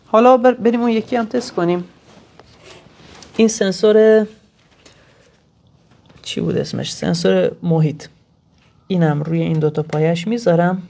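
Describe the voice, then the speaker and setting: A woman's voice: on the low side, steady tone, creaky, pauses often, dark tone. A woman giving a hands-on technical tutorial, explaining each step plainly and thinking aloud as she works. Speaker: technician demonstrating sensor tests.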